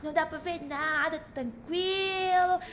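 A woman's voice: very high-pitched, steady tone, slow pace, fairly bright tone, slight background noise, exaggerated voice. A woman voicing a cheeky, feisty little girl who hosts a children's Minecraft role-play, exclaiming in a childlike, bratty way. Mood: cheerful. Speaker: host of children's gaming channel. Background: music.

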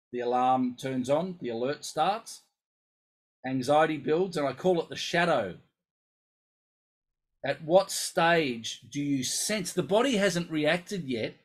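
A man coaching musicians through an emphatic, animated casual talk, often acting out inner voices. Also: medium pitch, rough recording. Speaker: coach for musicians with focal dystonia.

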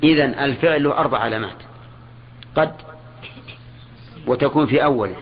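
An older man, teaching a grammar lesson in a measured way. He repeats key words and puts questions to his students. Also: medium pitch. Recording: dull lo-fi old lecture recording with faint hiss.

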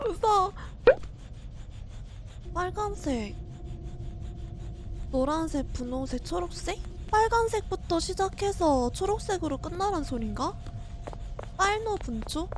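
A woman's voice: extremely high pitch, lively intonation, a little slow, pauses often, a little hiss or hum. A young woman streaming a horror game, talking herself through it, jumpy and frightened, laughing and shrieking as she plays. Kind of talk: horror game let's play commentary.

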